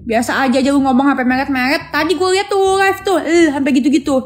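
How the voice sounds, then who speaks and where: A woman's voice: high voice, fast, soft background music. A young woman ranting sarcastically on a phone live stream, mocking and mimicking someone. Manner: taunting, sarcastic, mimics others.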